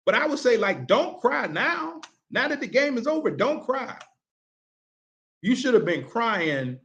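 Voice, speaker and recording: A male basketball coach with a slightly high, bright voice gives sports parents a casual, motivational talk. His phrasing is colloquial, and he repeats rhetorical questions for emphasis.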